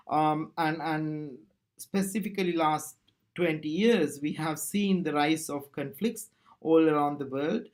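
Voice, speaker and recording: A man from Sri Lanka presenting a recorded conference talk, speaking in a measured way with frequent pauses and fillers. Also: a little high.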